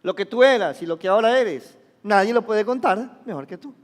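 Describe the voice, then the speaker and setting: A man's voice: high-pitched, animated, brisk. A male pastor preaching a sermon, questioning the congregation, having them repeat phrases, and acting out sounds with sudden exclamations. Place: church. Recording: long reverb of a church hall.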